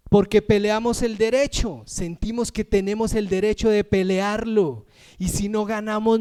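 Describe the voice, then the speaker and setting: A man with a high voice delivers a passionate sermon as pastor. He gets emotional and raises his voice, then drops into short acted-out voices from everyday life to make his points. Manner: emotional, shouts when moved; acts out everyday voices in asides. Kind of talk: lively sermon.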